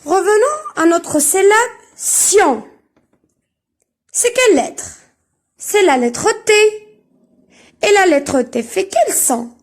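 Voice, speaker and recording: A woman with a high voice leads an early reading lesson. She talks very slowly and lingers on each syllable. Her enunciation is careful and deliberate, and she repeats each sound for young learners. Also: sing-song. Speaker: teacher.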